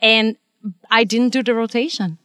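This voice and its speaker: A woman from Brazil hosting a podcast, telling her own stories in lively casual conversation. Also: on the high side, normal speed, clean tone, no room sound. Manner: animated, laughing storytelling. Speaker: podcast host, veterinarian.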